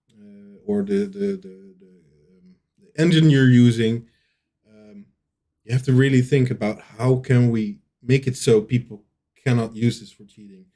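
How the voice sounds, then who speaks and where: A man's voice: mid-range voice, fairly even intonation, unhurried, dark tone. A man answering questions as a lead game developer, in a casual, hesitant way with many fillers and restarts.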